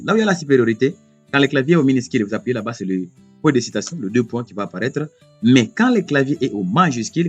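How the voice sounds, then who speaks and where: A man giving a spoken computer lesson, explaining slowly and step by step, often repeating himself and pausing on fillers. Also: medium pitch. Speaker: computer teacher.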